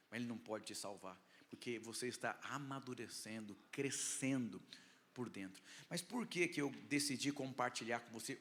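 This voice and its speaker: A Brazilian man delivers a sermon as a pastor, his articulation a little tongue-tied. He speaks at a middling pitch, with dramatic pauses and emphatic swells. The sound carries a long reverb, as in a big hall. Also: a bit bright. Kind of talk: sermon, preaching with personal testimony.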